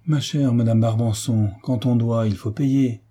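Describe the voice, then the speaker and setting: Narrator plays a gentle young soldier, reassuring, mellow and a little breathy. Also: male voice, mid-range voice, fairly even intonation, unhurried. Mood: earnest. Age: young adult. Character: kind earnest young soldier nephew.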